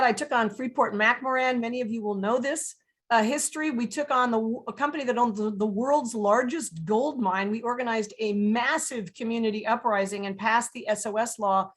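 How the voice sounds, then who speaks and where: Gravelly woman candidate, hoarse, confident campaign pitch. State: hoarse from allergies. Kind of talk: campaign pitch on a video call.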